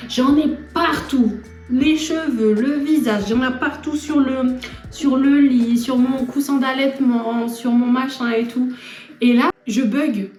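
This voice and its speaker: A young woman vlogger telling a personal story in an animated, laughing way. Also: high voice. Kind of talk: storytelling vlog. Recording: echoey room from far off, faint music.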